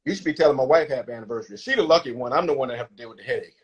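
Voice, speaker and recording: A man's voice: mid-range voice, racing, very noisy. Easygoing joking man in his fifties. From New Orleans. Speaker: guest. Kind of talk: casual interview.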